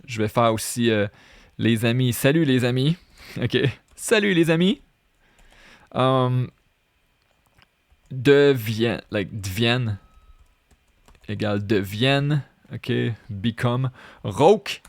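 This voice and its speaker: A man's voice: medium pitch, takes it slowly, long pauses, dry recording, studio quality. A man with a Québécois French accent, explaining his own rap lyrics line by line, repeating phrases and slipping into English. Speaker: French teacher and rapper.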